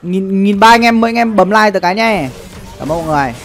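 With faint music behind him, a young male streamer talks fast in a high, expressive, fairly bright voice. His indoor livestream chat mixes game commentary with slang and swearing, and he tends to say the same phrases repeatedly.

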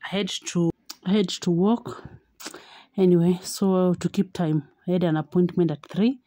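A woman's voice: fairly low pitch, steady tone, normal speed, mellow, no room sound. A woman in her thirties, from Kenya, narrating her weekly home vlog in a chatty way and often repeating words for emphasis. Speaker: vlogger. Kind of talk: casual vlog voice-over. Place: home kitchen, indoors.

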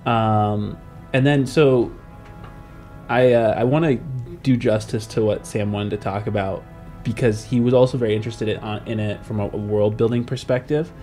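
A man with a lowish, dark-toned voice and steady delivery talks at a moderate pace as a podcast's game master. His casual chat about world building is hesitant, as if he's working out his thoughts aloud, with background music underneath.

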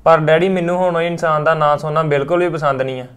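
A man's voice: a little high, steady tone, fast talker, lightly acted. An actor playing a caring young brother who coaxes his sister to take her medicine. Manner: coaxing, caring.

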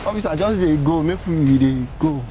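A man's voice: on the high side, normal speed, warm tone, faint music behind, close to an everyday voice. A young male actor with a Nigerian Pidgin accent playing a squeamish, jittery would-be kidnapper in a screen comedy. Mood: nervous, pleading. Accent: Nigerian, speaking Pidgin. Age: young adult. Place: outdoors on a roadside.

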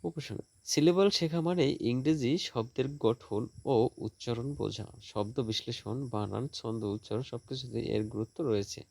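A male teacher giving a school lesson, sounding out example words slowly, with a Bangladeshi Bengali accent. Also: mid-range voice, vocal fry, a little mellow, no echo. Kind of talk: classroom lesson for school students.

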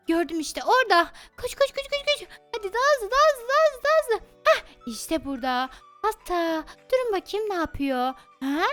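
A woman gaming YouTuber giving excitable, plotting role-play commentary over a game, talking straight to her viewers. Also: very high-pitched. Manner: plotting, mock-indignant storytelling.

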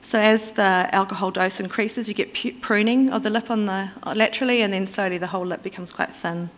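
A woman's voice: mid-range voice, fairly even intonation, fairly quick. Woman lecturing in a reverberant hall. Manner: explanatory, conversational, with fillers and restarts. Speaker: conference speaker. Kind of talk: conference presentation. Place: conference hall.

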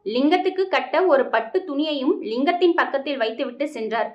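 Female narrator for a historical novel reading; steady, expressive, high-pitched; muffled, lo-fi recording. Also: a little fast.

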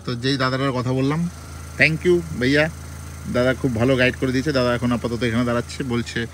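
A man, narrating a travel vlog in a chatty, excited way as he drives through hill villages. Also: medium pitch, fairly quick. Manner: chatty, excited about scenery. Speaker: travel vlogger. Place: outdoors on a road trip, in and around a car. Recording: noisy outdoor recording with traffic.

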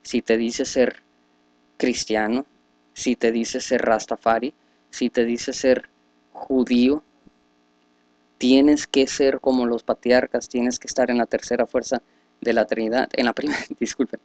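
A man's voice: mid-range voice, little pitch movement, a little slow, darkish tone, dry recording. A man leading a Bible study, reading scripture aloud and then explaining it at length with many fillers and restarts. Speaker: religious teacher.

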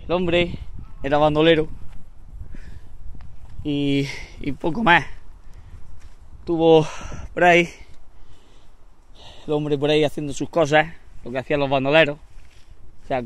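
A man's voice: a little high, clear, resonant tone. A man from Spain with a Spanish accent, telling a local legend outdoors in the hills in a rambling, joking way. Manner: rambling, joking, full of fillers. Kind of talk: casual storytelling.

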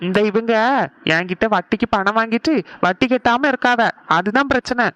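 A voice actor plays a stern cartoon moneylender man. He speaks at a middle pitch, blunt and threatening, and the recording is dry and close. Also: moderate pace, pushed and bright, no echo, muffled recording, lightly acted. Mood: demanding. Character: stern male village moneylender. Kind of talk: cartoon voice acting.

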